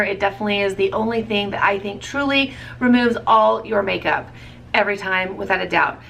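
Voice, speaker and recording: A woman's voice: mid-range voice, gravelly, pushed and bright, distant mic, slight background noise. A woman in her thirties chatting casually as a beauty vlogger, rambling and correcting herself with small laughs. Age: 30s. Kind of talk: casual product review chat.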